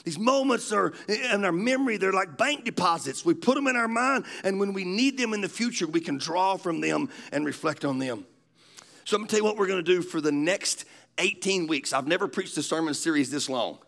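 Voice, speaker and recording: High gravelly preacher. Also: male voice, brisk. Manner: folksy storytelling preacher, animated. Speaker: pastor. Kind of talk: sermon.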